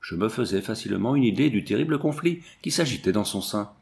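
A man narrating a novel as an audiobook, in a measured, expressive storytelling manner. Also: on the low side, gravelly.

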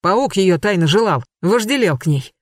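A reader voicing Makar, a desperate young man searching for a missing girl, who sounds hoarse and speaks with urgent pleading. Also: medium pitch, animated, normal speed, no room sound, clean studio sound, pitched above the performer's own voice, lightly acted. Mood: hoarse, bitter. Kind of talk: audiobook character voice.

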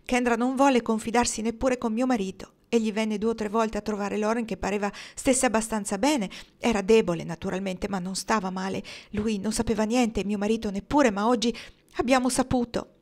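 A tearful, anxious older woman pours out her worry in a trembling, urgent rush, as a woman reading a novel aloud voices her. The voice sits fairly high, and the words tumble out in a confiding way. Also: steady tone, fairly quick, a little mellow, natural voice.

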